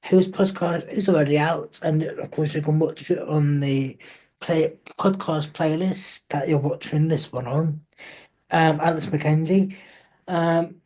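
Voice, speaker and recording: A man's voice: on the high side, warm tone. A man hosting a casual interview, friendly and blunt, with a joking manner. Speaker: interview host.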